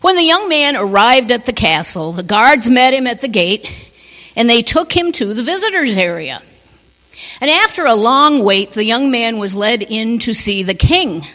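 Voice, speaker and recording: A woman preacher telling a story in a gentle sermon, sometimes dropping to a near whisper, in a long church reverb. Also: on the high side, very animated. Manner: slow, gentle, drops to a near whisper on key lines.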